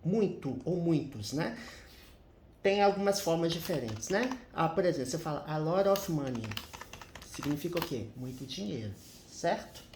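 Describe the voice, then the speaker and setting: A man's voice: a little high, lively intonation, moderate pace, darkish tone, reverberant, slight background noise. A man teaching English grammar in a casual, chatty way, often adding little tag questions as he explains.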